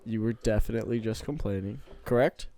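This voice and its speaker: A young man co-hosting a casual family podcast, teasing and firing back quick comebacks in easy banter. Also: fairly low pitch, vocal fry, warm tone. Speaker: podcast co-host, son.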